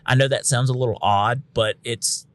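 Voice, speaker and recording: A man's voice: medium pitch, fairly even intonation, moderate pace, fairly bright tone. A man who works as a paramedic, explaining in casual podcast talk and acting out what he says to patients, frank and now and then swearing. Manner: frank, conversational, uses occasional swearing; acts out quotes of what he'd say to patients. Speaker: paramedic and instructor.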